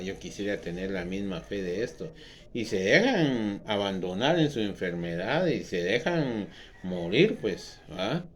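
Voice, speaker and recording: A man preaching a sermon as a pastor, swinging from loud, emphatic outbursts to quieter teaching. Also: lowish voice, slight background noise.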